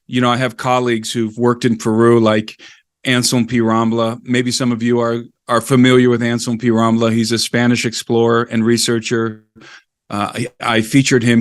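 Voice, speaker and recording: A middle-aged man, a guest on a podcast, tells history casually, digressing and explaining at length in a storytelling conversation. His voice is mid-range, in studio quality with no room sound.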